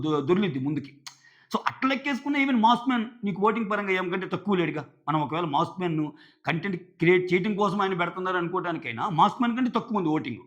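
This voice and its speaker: A man's voice: high voice, fairly bright tone, dull audio. A man giving casual video commentary on a reality show, talking in a conversational way and acting out the lines he quotes.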